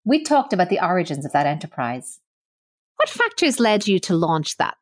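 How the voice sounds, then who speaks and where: A woman host reading a scripted intro and asking curious, measured interview questions. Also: fairly low pitch, sing-song.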